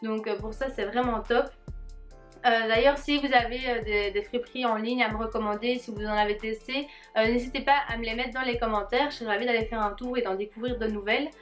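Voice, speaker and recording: Young female vlogger, fairly high voice, casual and hesitant, faint music underneath. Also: steady tone. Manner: hesitant, with frequent filler pauses; friendly, addressing viewers directly. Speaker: fashion vlogger. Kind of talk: casual try-on haul vlog.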